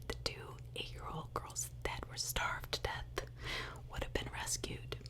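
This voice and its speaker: A woman narrates true crime as ASMR in a breathy, unvoiced whisper. She keeps it conversational and opinionated, tossing in rhetorical questions. The audio quality is poor.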